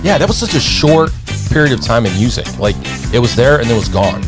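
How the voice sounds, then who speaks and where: A man's voice: mid-range voice, big pitch swings, a little fast, over music. A man hosting a podcast in a casual, rambling, easygoing chat full of fillers. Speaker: podcast host.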